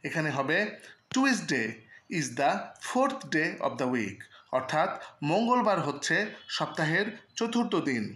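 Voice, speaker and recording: A man teaching a recorded English lesson, slowly reading English phrases and explaining them in Bengali. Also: on the high side, very animated, a bit bright, roomy sound. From Bangladesh.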